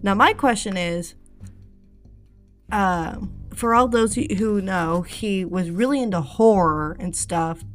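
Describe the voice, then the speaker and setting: A woman's voice: medium pitch, slow pace, faint music behind. Stumbling, apologetic woman reading a script. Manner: stumbling, apologetic, many fillers. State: hiccups. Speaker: true-crime narrator. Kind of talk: casual scripted reading with asides.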